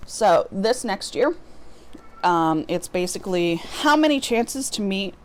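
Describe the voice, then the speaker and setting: A woman from the US Midwest, speaking slowly in a sing-song, mid-range voice with a little hiss or hum, chats casually as a book vlogger. In this unboxing vlog she rambles and breaks off her own sentences as she goes.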